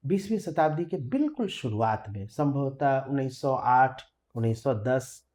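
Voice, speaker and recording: A woman who is a classical singer, explaining thumri in a thoughtful, measured way with frequent hesitant fillers. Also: extremely low pitch, animated, a little mellow. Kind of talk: explanatory talk with sung examples.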